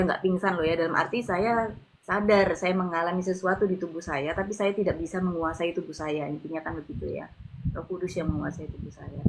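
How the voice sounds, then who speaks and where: Woman, low-ish voice, chatty testimony, casual fillers, handheld phone, noisy recording. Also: gravelly. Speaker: convert giving testimony. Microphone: handheld phone, no tripod.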